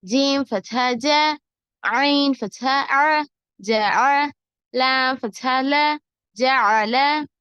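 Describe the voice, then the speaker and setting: A woman teaching Quran reading, spelling out letters and syllables in a slow, deliberate drill. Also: high-pitched, a bit bright, clean tone, no echo, dull audio.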